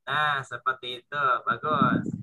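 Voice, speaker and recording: A man's voice: medium pitch, fairly even intonation, measured pace, heavy background noise. A man with an Indonesian accent teaching Quran recitation, patiently drawing out each syllable as he demonstrates. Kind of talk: online tajwid lesson.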